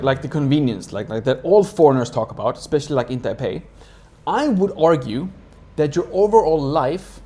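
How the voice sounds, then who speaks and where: A mellow, mid-range voice belongs to a speaker raised in Sweden who chats casually, rambling and dropping in plenty of "like" fillers.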